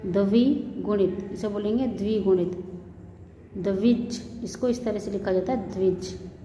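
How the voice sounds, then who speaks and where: A woman teaching a spelling lesson, stating each word slowly and deliberately, wrong form first, then the right one. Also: mid-range voice, mellow, slight background noise. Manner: slow, deliberate word-by-word contrasts. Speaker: Hindi teacher. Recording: echoey room with long reverb.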